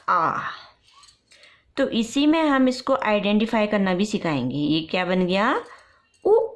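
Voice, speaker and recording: A woman teaching young children's letter sounds step by step for parents, repeating each sound slowly. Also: mid-range voice. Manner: slow, repetitive, drawn-out letter sounds. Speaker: nursery teacher.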